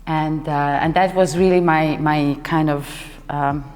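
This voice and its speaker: This casual interview features a young Italian woman, a choreographer and dancer, who keeps searching for words, restarting and laughing. She speaks in a low, slightly mellow voice with fairly even intonation. The space has hall reverb and faint music.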